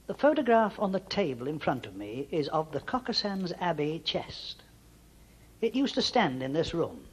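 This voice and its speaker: Robot cavalier guide, voiced by a man, recorded voice played from a cassette, formal recited tour, husky, sing-song. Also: on the high side, a little mellow. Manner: formal and measured, like a recited script. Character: six-foot robot cavalier acting as a stately-home tour guide, male. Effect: robot voice played from a cassette tape inside the robot. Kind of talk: scripted guided-tour speech.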